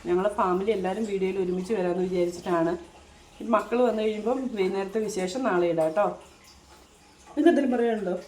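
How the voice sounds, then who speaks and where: A woman's voice: medium pitch, quick pace, a little mellow, reverberant, a little hiss or hum. A woman chatting casually to her viewers in a home vlog, often turning straight to the audience. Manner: chatty, addresses viewers with frequent "kettō". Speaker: vlogger.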